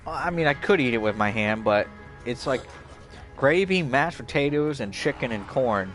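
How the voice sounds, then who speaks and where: A man's voice: mid-range voice, animated, moderate pace, a bit bright, faint music behind. A man casually chatting on a live stream, rambling and swearing freely on a close headset mic. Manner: profane, rambling, laughs easily. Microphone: headset mic close to the face.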